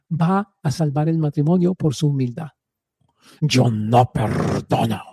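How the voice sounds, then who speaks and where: A man hosting a faith radio program, his voice very dark and mellow yet pitched a little high. He tells stories earnestly in a preaching way and often puts rhetorical questions to listeners. The recording is dry and close. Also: dry recording. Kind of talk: radio talk on faith and marriage.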